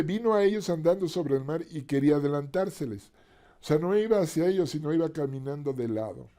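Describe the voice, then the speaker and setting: Mellow-voiced man teaching the Bible. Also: mid-range voice. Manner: conversational, with asides and shouted screams. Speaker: pastor.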